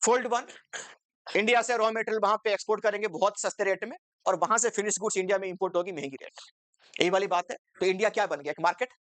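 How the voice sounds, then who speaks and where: A woman's voice: mid-range voice, fast talker, fairly bright tone, no echo. A woman teaching an exam-focused commerce lecture, asking the class rhetorical questions and switching between Hindi and English terms.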